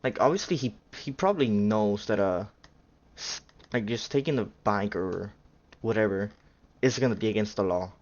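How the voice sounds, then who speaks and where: A man's voice: on the low side, normal speed, a little mellow, dull audio. A man reacting to a video in casual, rambling talk, full of fillers and second-guessing himself. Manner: rambling, unsure, full of fillers and self-corrections. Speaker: reaction streamer.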